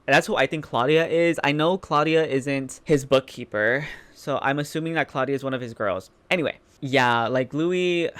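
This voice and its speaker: A man's voice: mid-range voice, fairly bright tone, smooth. A man giving casual, chatty reaction commentary, informal and emphatic, repeating phrases for emphasis. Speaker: reaction video host.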